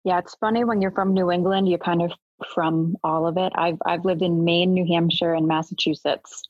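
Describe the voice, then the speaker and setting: Husky woman host, friendly, chatty; dry, muffled lo-fi sound. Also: on the low side, steady tone, normal speed, dry recording. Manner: friendly, laughs often, filler "um"s. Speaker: podcast host. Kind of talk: casual interview hosting.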